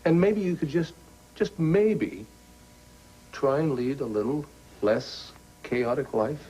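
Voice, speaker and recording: An actor playing a candid male friend giving advice in a soap opera, with a husky voice. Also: mid-range voice, slow pace, mellow, low-quality recording. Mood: earnest, tactful.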